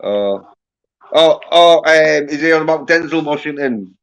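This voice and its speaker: A man hosting a livestream in casual chat, talking haltingly with lots of fillers and restarts. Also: a little high, lively intonation, smooth. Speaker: livestream host. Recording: muffled lo-fi audio.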